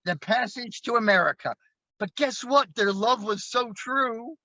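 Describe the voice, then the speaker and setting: A man's voice: a little slow, sharp tone, no room sound, lo-fi sound. A man performing a magic trick, telling a playful, theatrical story as he works. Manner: playful, theatrical, bursts into high whoops. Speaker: magician performing at an open mic show. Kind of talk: storytelling patter during a coin trick.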